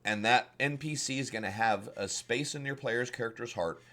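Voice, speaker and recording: A man's voice: mid-range voice, moderate pace, bright, forceful tone. A man with a Southern US accent, a dungeon master giving casual, rambling advice and often repeating words as he searches for them. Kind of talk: casual instructional talk.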